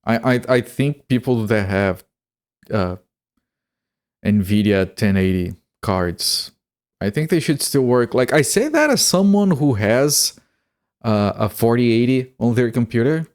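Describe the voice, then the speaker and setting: A man live-streams a game while chatting casually, swearing freely and stammering, repeating words as he starts his sentences. His mid-range, darkish voice is very animated but a little slow.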